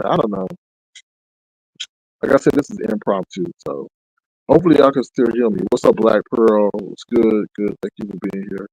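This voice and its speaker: A man doing impromptu live commentary over a crackling, crunchy distorted microphone, blunt and animated, with laid-back street slang. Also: mid-range voice, vocal fry, no room sound. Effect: crunchy, crackling distorted mic. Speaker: livestream commentator.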